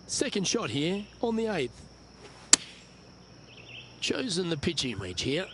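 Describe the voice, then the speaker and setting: A man's voice: high voice, sing-song, slow, noisy background, exaggerated voice. A man working as a golf commentator, calling play shot by shot in a game broadcast. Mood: measured.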